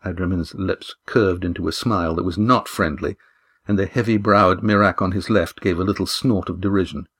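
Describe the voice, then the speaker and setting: Man, audiobook narrator, low voice, steady measured reading. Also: breathy edge. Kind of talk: scripted story narration.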